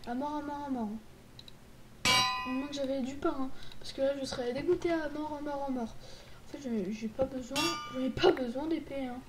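A woman giving playful, joking commentary while playing a video game, with excitable outbursts. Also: high voice, moderate pace. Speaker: gaming YouTuber. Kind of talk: casual gameplay commentary. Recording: loud background noise.

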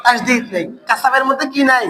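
A man's voice: extremely high pitch, fast, pushed and bright, low-quality recording. A man teaching an online Quran recitation class. He asks the learners questions, answers them himself and repeats words over and over to drill the pronunciation.

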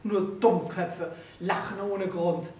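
A woman's voice: a little high, expressive, slow. A woman voicing a grumpy middle-aged husband who grumbles and turns plaintive. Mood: snapping. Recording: roomy distant reading with faint hiss.

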